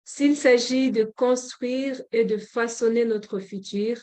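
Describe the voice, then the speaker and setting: Woman, formal closing speech, measured, pauses often, mellow tone, from Rwanda. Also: fairly high pitch, steady tone. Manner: measured, with frequent hesitations. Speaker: government representative closing a forum session.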